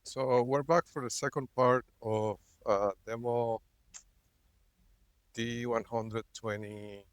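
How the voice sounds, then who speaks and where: Halting man with a dry close sound. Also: mid-range voice, steady tone, clean tone, dry recording. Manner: halting, many fillers and repeated "right?"; laughs between words. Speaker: vlogger. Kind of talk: rambling personal video log.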